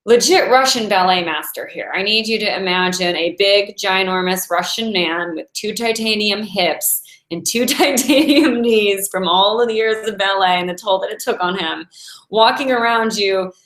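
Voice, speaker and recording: A woman's voice: medium pitch, normal speed, fairly bright tone. A woman in her forties giving a chatty, earnest inspirational talk as a meditation teacher, laughing now and then between thoughts. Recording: echoey room.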